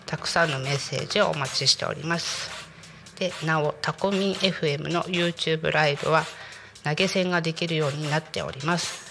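A woman's voice: low-pitched, fairly even intonation, a little fast, fairly bright tone. A woman hosting a community radio talk show in a conversational way, her voice nasal and stuffed up from a cold. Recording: music bed behind the voice. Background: music.

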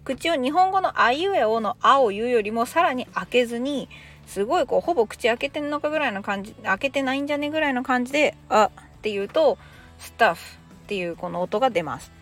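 A woman's voice: sits high, expressive, fast, faint music behind. A woman in her thirties from Japan, giving a chatty podcast English lesson with casual explanations. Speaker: English teacher.

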